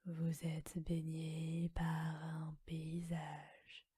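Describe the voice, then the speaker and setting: A woman guides a relaxation meditation entirely in an unvoiced whisper. Her delivery is very slow and flat, with a breathy, mellow tone. The sound is close and dry. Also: low voice, no echo.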